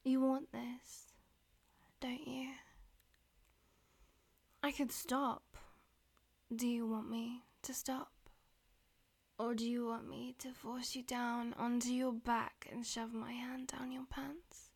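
A woman voicing a dominant, teasing female demon in an audio roleplay, speaking mostly in breathy, domineering whispers. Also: fairly high pitch, level tone, slow pace, pauses often, heavily acted.

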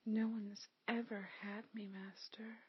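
A woman voicing an eager, shy younger sister, whispering slowly and pleadingly. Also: medium pitch, level tone, no room sound, lo-fi sound. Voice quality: breathy whisper.

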